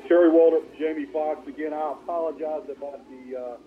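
A male sports radio host rambles through a casual story with plenty of fillers and restarts. He comes in over a dull, lo-fi phone line, and his microphone throws a clear echo back behind every phrase. His voice sits a little high for a man. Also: steady tone, fairly quick, loud music behind the voice.

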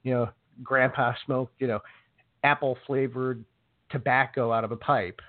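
Guy calling into a radio show, relaxed, lots of fillers, sounds like a phone line. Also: mid-range voice, moderate pace, no room sound. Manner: relaxed, frequent "you know" fillers, laughs. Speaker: guest reader. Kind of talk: casual talk radio conversation.

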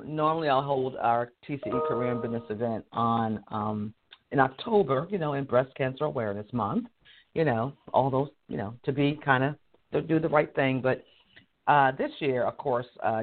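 A hoarse man hosting a casual live career show, chatty and laughing often as he restarts his sentences. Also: medium pitch, normal speed, narrow, tinny audio. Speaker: career coach and show host. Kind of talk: casual live-stream talk.

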